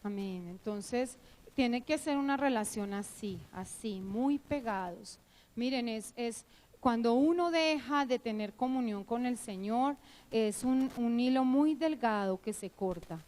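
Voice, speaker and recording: A middle-aged woman preaching at church, telling her own testimony in an emotional, animated way with many fillers. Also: fairly high pitch, a little slow, low-quality recording. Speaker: church teacher. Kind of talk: sermon with personal testimony.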